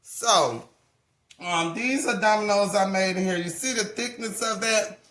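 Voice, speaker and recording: A woman's voice: mid-range voice, unhurried, a bit bright. Woman in her 40s, chatty crafting how-to, keeps fixing her own words, echoey room. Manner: chatty, folksy, often corrects herself mid-sentence. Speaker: craft channel owner. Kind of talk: casual hands-on craft tutorial. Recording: roomy echo.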